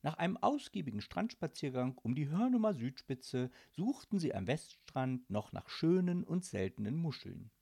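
A man narrating a children's audiobook in an expressive storytelling manner. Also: a little high, moderate pace, vocal fry, hardly any pauses, slightly rough. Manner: warm storytelling, varied and expressive.

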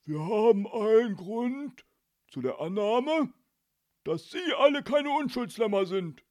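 A man's voice: high-pitched, expressive, takes it slowly, darkish tone. A man voicing a small older policeman who talks sternly and blusters threats in a storybook reading. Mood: stern threatening.

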